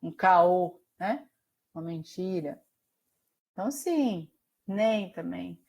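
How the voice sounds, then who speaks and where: A woman with a Brazilian accent teaching a Portuguese class over a video call, explaining slowly and often checking in with her students. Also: fairly low pitch, lively intonation, gravelly, darkish tone. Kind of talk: online class lecture.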